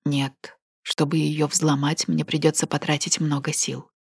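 A woman reading the lines of a cold, domineering, manipulative man in a flat, measured, unhurried way. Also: low voice, gravelly, slightly rough, dry recording, studio quality, full character voice. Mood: cold, level.

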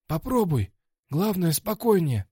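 A man voicing a hurried, agitated fight coach giving advice in an audiobook. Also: high-pitched, big pitch swings, mellow, slightly rough, no echo, clean studio sound, pitched above the performer's own voice, full character voice. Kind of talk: audiobook character voice.

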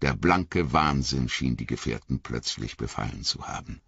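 A man with a deep, husky voice reads an audiobook in a measured, expressive way. His pitch moves with life. The recording is dry and slightly dull. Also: dry recording. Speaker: audiobook reader. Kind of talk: audiobook narration.

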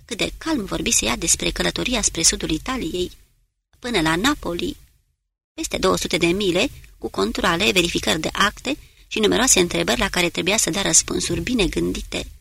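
Gravelly-voiced woman narrating an audiobook. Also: fairly low pitch. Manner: steady, measured reading of prose. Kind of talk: scripted narration.

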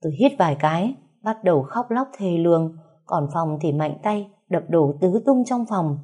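Woman narrator, plaintive first-person story, low mellow voice. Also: expressive, moderate pace, breathy edge. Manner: emotional, wronged, plaintive.

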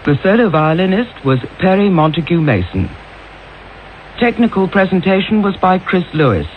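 A man's voice: high-pitched, very animated, normal speed. A man formally reading scripted credits as a radio announcer. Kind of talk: reading drama cast credits. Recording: tinny, hissy radio broadcast.

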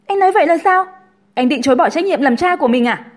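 A shrill, scheming pregnant young woman, put on by a woman storyteller, loud and accusing, her voice pitched up high. She throws barbs and wails theatrically in a spoken storybook. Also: animated, fast.

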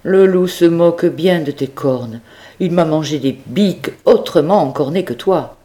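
A woman's voice: low-pitched, expressive, unhurried, dark tone, voice pushed up. Woman doing a fretful old farmer. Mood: worried. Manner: exclaiming, anxious, scolding. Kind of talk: storybook character reading.

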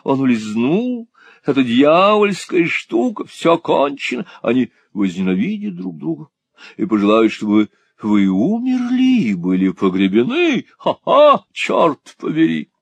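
A man's voice: mid-range voice, sing-song, a little slow, husky, no echo, dull audio, pitched above the performer's own voice, exaggerated voice. A man voicing a foppish, pompous husband who gushes and swears theatrically in an audiobook reading. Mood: swaggering. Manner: gushing, languid, swaggering exclamations.

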